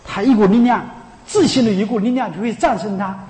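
A high-pitched male preacher gives a Buddhist sermon in an emphatic, animated way. He keeps throwing rhetorical questions at his listeners and chuckles often, and his voice carries a long reverb from a large hall. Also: fairly quick. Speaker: Buddhist teacher.

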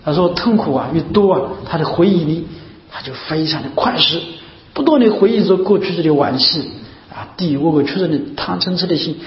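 A man's voice: a little high, animated, brisk. A man giving a Buddhist dharma talk, repeating phrases and asking rhetorical questions. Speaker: Buddhist teacher. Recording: echoey hall, dull lo-fi sound.

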